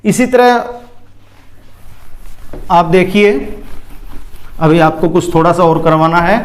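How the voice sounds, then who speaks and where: A man's voice: high voice, slow pace. A man with an Indian accent teaching Hindi grammar, patiently spelling each word out piece by piece. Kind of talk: whiteboard lesson explaining spelling breakdown.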